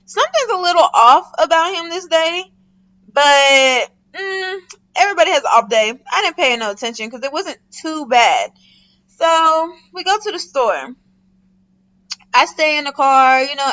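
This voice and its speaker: A young woman vlogger telling a casual storytime, animated and slangy, swearing often and talking straight to her viewers. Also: sits high. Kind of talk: casual storytime while doing a wig install.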